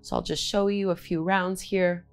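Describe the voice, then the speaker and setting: A woman in her thirties teaching yin yoga in a soothing, gentle, instructive way. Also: on the low side, little pitch movement, normal speed. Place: indoor home studio room, seated and lying on a mat.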